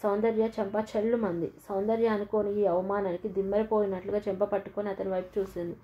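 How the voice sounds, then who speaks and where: A woman narrating a novel aloud in an even, storytelling manner. Her voice is dark and mellow, and the recording is dull and lo-fi. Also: mid-range voice, fast talker. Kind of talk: audiobook novel reading.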